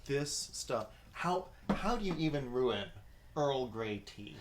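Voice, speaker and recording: Man co-host for a tasting show, medium pitch, dry wry delivery, keeps things moving. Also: sing-song, slow, background noise. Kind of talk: casual tasting chat.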